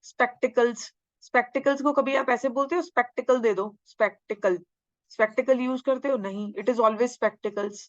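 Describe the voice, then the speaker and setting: Woman teacher, exam-prep grammar lecture, slow drawn-out lines, dry slightly dull sound. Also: a little high, fairly even intonation, no echo. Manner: mixes Hindi and English, drawls English sentences slowly, asks and answers own questions. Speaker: English teacher.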